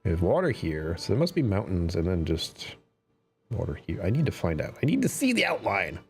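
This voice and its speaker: Over soft background music, a man streams a survival game, his low, darkish voice swooping wildly in pitch with vocal fry and a slightly fast pace. Chatty and slightly strained, he talks to himself and drifts into whispers.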